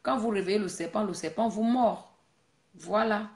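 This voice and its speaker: A woman's voice: medium pitch, moderate pace, reverberant. A woman hosting a Facebook live video, talking casually and scolding her viewers, repeating her points. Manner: scolding, preachy, repeats herself. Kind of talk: casual live-stream monologue.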